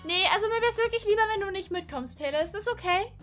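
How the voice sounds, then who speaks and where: A woman voices herself in a casual game role-play, with a very high and bright, sharp voice. She is chatty and excitable and often restarts her sentences. Faint music plays behind her. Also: fast talker. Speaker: YouTuber role-playing in a game.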